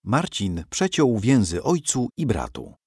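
A man reads a historical story aloud in a dramatic, expressive way. His low voice moves a lot in pitch and has a husky edge. The sound is dry and close. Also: unhurried, dry recording. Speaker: narrator. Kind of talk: scripted narration of a historical story.

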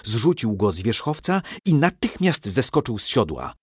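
A man narrating a historical story for children in an expressive, dramatic reading. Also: mid-range voice, normal speed, slightly rough, no room sound, clean studio sound.

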